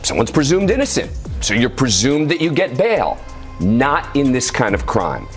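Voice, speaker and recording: Animated man giving emphatic legal commentary. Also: medium pitch, moderate pace, faint music behind. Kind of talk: explanatory interview soundbite.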